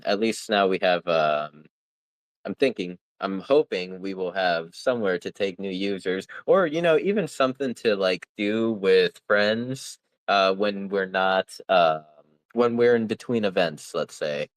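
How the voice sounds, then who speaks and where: A man hosting a casual online community call, talking in a relaxed, rambling way with many fillers. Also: lowish voice, no room sound, low-quality recording.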